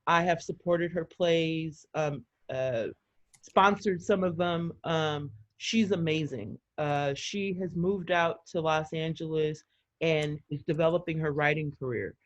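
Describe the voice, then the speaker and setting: An excited woman chatting casually on a video call as a community organizer, talking fast with lots of fillers. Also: sits low. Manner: energized, talks fast with many fillers and quoted voices. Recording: muffled video-call audio.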